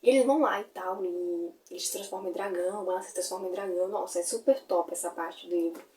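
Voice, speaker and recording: A woman's voice: fairly low pitch, quick pace, dark tone, far from the mic. Chatty woman recapping a book. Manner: chatty, full of fillers like "tipo" and "gente". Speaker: book reviewer.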